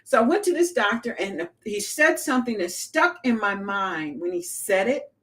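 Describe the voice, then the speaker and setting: A woman giving a casual motivational talk to small business owners, telling stories in an animated way and acting out the voices she quotes. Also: fairly high pitch, moderate pace.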